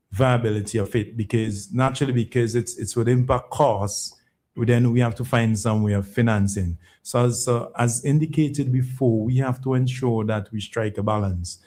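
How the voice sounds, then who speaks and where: Guy on a phone-in explaining policy, average pitch, stresses points, keeps checking you follow. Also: mellow. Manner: emphatic, repeats words, checks with "right?". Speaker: pension fund chief executive, programme guest.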